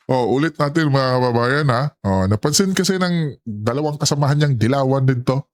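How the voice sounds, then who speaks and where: A man's voice: medium pitch, lively intonation, a little fast, dry recording, clean studio sound. A man hosting a casual reaction commentary, often addressing his viewers and laughing in asides. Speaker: commentary channel host.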